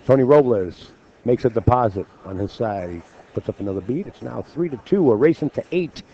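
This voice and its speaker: A man's voice: medium pitch, animated, fairly quick. A man doing play-by-play commentary on a pool match, calling the score and bantering with jokes. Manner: joking, calls the score and banters. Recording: dull lo-fi stream audio with faint noise.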